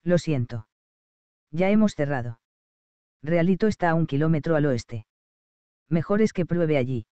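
A man voicing a gruff, hostile male garage mechanic, in a rough, curt and threatening voice, as an audiobook character. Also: a little high, animated, normal speed, pauses often, dark tone, no room sound, lo-fi sound, natural voice.

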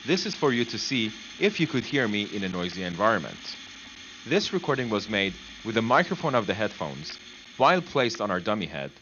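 A man's voice: on the low side, pushed and bright, lo-fi sound, slight background noise. A man reading a scripted microphone test, his voice played from a dummy head's mouth speaker and picked up by a headset microphone. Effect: voice played from a dummy head's mouth speaker, recorded through a headset mic. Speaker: headphone reviewer.

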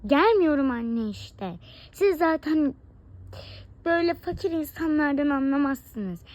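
A woman's voice: high voice, animated, a little slow, a little mellow, no echo. A woman voicing a stubborn, defiant daughter of a rich family who talks back in a whiny way, in a game role-play. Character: defiant kind-hearted rich girl. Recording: dull lo-fi recording.

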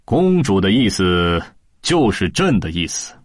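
A man's voice: deep voice, very animated, measured pace, no room sound, clean studio sound, heavily acted. A man voicing an imperious male king in an audiobook, commanding and threatening. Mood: decisive. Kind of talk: storybook audiobook voice acting.

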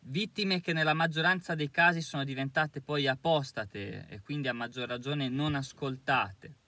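A YouTube commentator delivers an indignant, emphatic monologue to camera in a bright, forceful mid-range voice at normal speed with no echo. Hesitant fillers come between his points.

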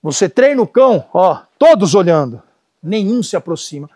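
A middle-aged Brazilian man with a high, husky voice speaks at a moderate pace in a Brazilian Portuguese accent. He's a dog trainer giving a casual lesson, telling animated stories and issuing commands to dogs and helpers.

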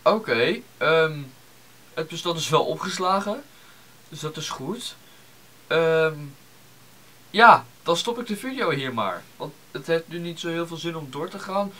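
A young man wrapping up a casual gaming video, chatty and self-deprecating, his voice recorded on a low-quality camera microphone. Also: lively intonation, a little slow, pushed and bright. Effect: poor, lo-fi sound from a camera microphone. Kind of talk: casual let's-play commentary.

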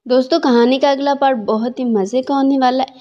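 A woman narrating a serialized story in a steady storytelling manner. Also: sits high. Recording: dull lo-fi with long reverb.

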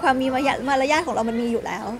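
Woman, thirties, high voice, interview talk, earnest, long explanations. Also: very fast, creaky. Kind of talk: emotional interview.

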